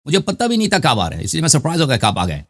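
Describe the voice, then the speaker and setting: Man, debate host, lively pitch, bright tense voice, insistent and pressing. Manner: insistent, pressing questions, cuts in. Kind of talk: heated live debate.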